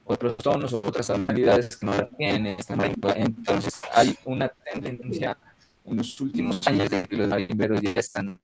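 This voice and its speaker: A man's voice: lowish voice, steady tone, normal speed, over a noisy crowd, low-quality recording. A man explaining marimba building over a video call, his voice breaking up into choppy, half-robotic internet audio, with hesitant restarts. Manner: hesitant, many restarts and fillers. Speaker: marimba player explaining to a group. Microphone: computer or phone mic on a video call.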